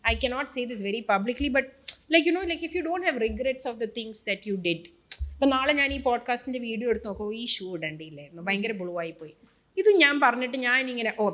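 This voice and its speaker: A woman from Kerala in her thirties, speaking with a Malayali accent as a podcast guest, animated and emphatic as she switches between Malayalam and English. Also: sits high. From Kerala, India. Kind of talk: casual podcast interview mixing Malayalam and English.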